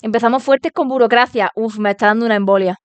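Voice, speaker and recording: Spanish woman from spain reading a book out on stream, smooth clear voice, dry close sound, slangy little asides. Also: a little high, quick pace, dry recording, highs cut off. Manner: slangy and laughing in asides, steady when reading, corrects her own slips. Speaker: book club host. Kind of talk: reading a novel aloud on a livestream, with casual asides. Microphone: streaming mic.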